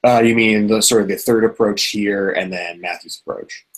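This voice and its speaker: A man presenting software proposals in an online meeting, walking through code examples step by step. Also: on the low side, fairly even intonation, moderate pace, rough recording. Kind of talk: technical explanation in a meeting.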